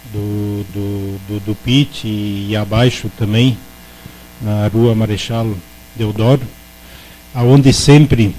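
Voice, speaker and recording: A Brazilian-accented man speaks in a municipal council chamber, slow and deliberate. His voice is mellow and dark, and he stalls on repeated words before pushing on in a formal register. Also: lowish voice, slight background noise, low-quality recording. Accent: Brazilian Portuguese. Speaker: city councillor. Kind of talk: formal speech in a council session.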